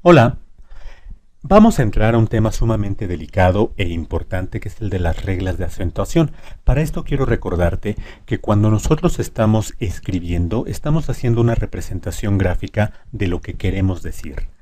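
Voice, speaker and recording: Man, teacher, lively melodic delivery, emphatic stressed syllables, calm explanatory lesson. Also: fairly low pitch, normal speed. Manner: stresses syllables emphatically, drawing out example words.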